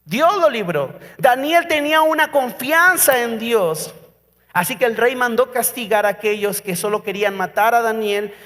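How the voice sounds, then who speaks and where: A Mexican pastor with a strikingly high voice preaches a sermon, telling a story with drama and putting questions to his listeners. His words ring through a church hall with a long tail of reverb. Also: lively intonation, moderate pace, bright, forceful tone.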